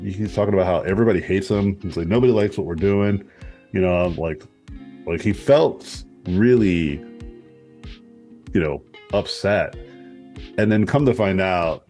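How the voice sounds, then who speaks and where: Man, lowish voice, rambling and reflective, casual swearing, faint music underneath. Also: a little mellow. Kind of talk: casual group discussion.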